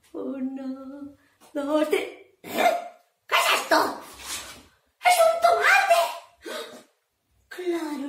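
A woman, telling a story to children in a playful, animated way and laughing often. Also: high voice. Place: library room. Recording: echoey room, voice from far off.

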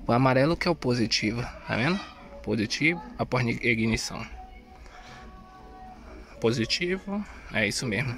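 He has a medium-pitched, somewhat bright voice and a Brazilian Portuguese accent. The clip is casual DIY narration shot on a phone inside a car, where he chats slangily and thinks aloud while wiring in a new sound system.

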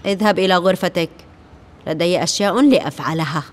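A woman's voice: on the low side, a little fast, lightly acted. A woman playing a cruel foster mom. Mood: cold. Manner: harsh, dismissive. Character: cold cruel foster mother. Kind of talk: dubbed drama acting.

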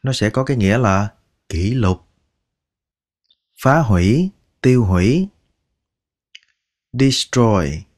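Male language teacher, low-pitched, unhurried pronunciation drills, patient and coaxing. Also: expressive. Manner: repeats each word slowly, drawing out sounds; patient, coaxing, ends phrases with soft particles. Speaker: English teacher. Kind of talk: slow pronunciation lesson.

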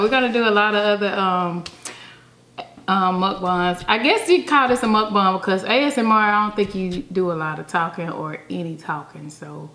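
A woman's voice: mid-range voice, a bit bright. A woman chatting casually through a food-tasting vlog in an upbeat, chatty way, with plenty of fillers. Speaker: vlogger. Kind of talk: casual mukbang chat. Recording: echoey room with faint hiss.

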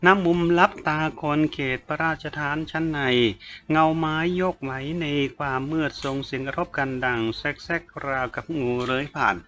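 A man narrating a martial arts novel as an audiobook in a steady, storytelling way, on a dull lo-fi recording. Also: on the high side, normal speed, slight background noise.

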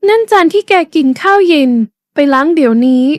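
A loud, bossy wife playing at being drunk, as a woman narrator puts her on, jeering and slurring as she orders her husband around. Her voice swings up high and sits dry and close, with no room sound. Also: expressive, fairly quick, no room sound. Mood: bossy mocking.

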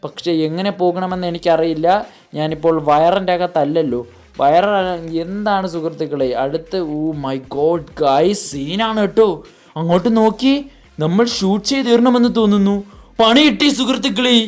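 A woman's voice: lowish voice, moderate pace, a little mellow. A woman giving dramatic, exclaiming gameplay commentary in character, constantly talking to her viewers. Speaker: gaming YouTuber.

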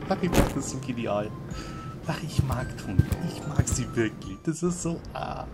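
A man's voice: medium pitch, lively intonation, moderate pace. A man giving casual, chatty commentary on a video game, laughing along. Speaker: let's play host. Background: game music.

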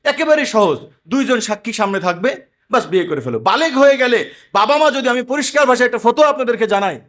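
A man's voice: extremely high pitch, big pitch swings, fast talker, fairly bright tone. A man preaching an emphatic sermon to a gathering, telling everyday anecdotes.

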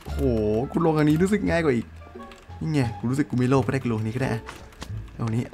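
A man's voice: medium pitch, fast talker, creaky, darkish tone, soft background music. A young man hosting a game video, chatting casually, joking and swearing at his friends. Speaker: gaming channel host. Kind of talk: casual let's-play commentary.

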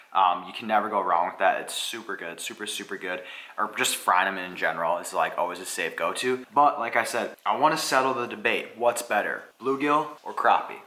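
A young man with a bright, forceful voice on the low side chats casually in a fishing vlog, using lots of fillers. He films on a handheld wide-angle camera at arm's length, starting in a garage and moving to an apartment kitchen and living room.

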